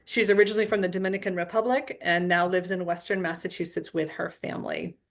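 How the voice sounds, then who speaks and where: A woman host giving a formal introduction of a workshop speaker in a steady, prepared way. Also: lowish voice, fast.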